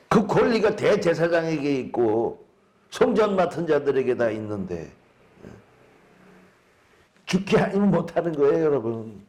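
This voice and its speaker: A man's voice: a little high, darkish tone. Man preaching an emphatic sermon. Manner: emphatic preaching with rhetorical questions to the congregation. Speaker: pastor.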